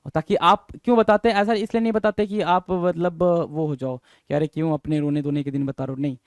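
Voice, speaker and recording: High pitched guy teaching vocab, keeps repeating words and quizzing, dry close sound. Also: steady tone, fairly quick, no echo. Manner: drills words, repeats and spells them out, asks students questions. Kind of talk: exam-prep lesson.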